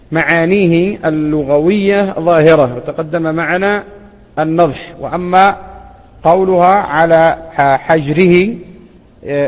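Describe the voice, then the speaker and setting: A man teaches a religious text in a slightly high voice, unhurried and explanatory, with small hesitations. His voice carries a long reverb, and the recording sounds dull and lo-fi. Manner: measured, explanatory, with hesitations and self-corrections. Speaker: Islamic scholar teaching hadith.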